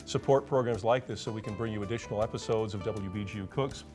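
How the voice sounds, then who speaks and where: A man's voice: lowish voice, fast, over music. A man hosting a public television pledge break, genial and self-deprecating. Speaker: pledge drive host. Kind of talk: fundraising talk. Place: TV studio kitchen set.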